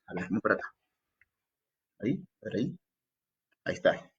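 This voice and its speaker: Peruvian man teaching grammar, lively. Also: lowish voice, normal speed, highs cut off. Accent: Peruvian Spanish. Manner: lively, talks straight to the student, acts out student questions. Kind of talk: exam-prep grammar lesson.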